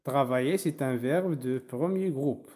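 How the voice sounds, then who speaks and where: Slow, patient male French teacher. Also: mid-range voice, warm tone. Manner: slow, patient, spells out verb endings letter by letter; switches between French and Arabic to explain. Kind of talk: online language class.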